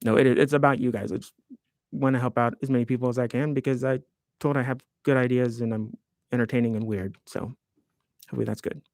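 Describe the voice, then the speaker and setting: A man's voice: medium pitch, fairly even intonation, quick pace, a little mellow, dry recording, clean studio sound. A man in his fifties hosting a live stream, chatting casually and in a rambling, self-deprecating way while reading viewer comments aloud. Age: 50s.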